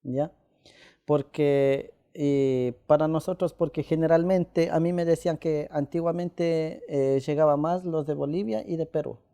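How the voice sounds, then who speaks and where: Soft-toned man. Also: on the high side, fairly even intonation. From Ecuador. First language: Quichua. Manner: halting, with many pauses and "eh" fillers. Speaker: interviewee. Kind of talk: casual conversation.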